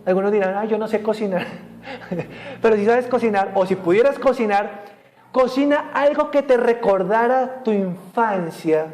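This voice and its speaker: This is a man from Colombia, a pastor, delivering a sermon at an online-streamed church service. His voice is high and a touch mellow, and he keeps quizzing the congregation, cracking jokes and laughing along.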